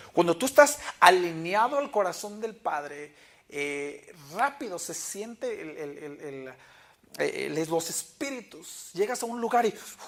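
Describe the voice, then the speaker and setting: Pastor, church sermon, storytelling, voices quoted speech, middle pitch. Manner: storytelling, acting out quoted dialogue.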